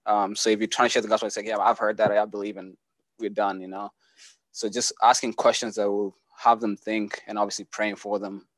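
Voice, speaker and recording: A young man from Kenya giving a casual, earnest church testimony, relaxed and full of fillers. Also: lowish voice, a little fast, no echo.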